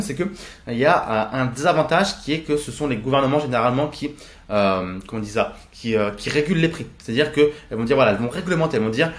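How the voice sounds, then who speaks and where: A man hosting his own investing channel, explaining in a casual, chatty way with many fillers and self-corrections. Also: medium pitch. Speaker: investing YouTuber. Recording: roomy echo.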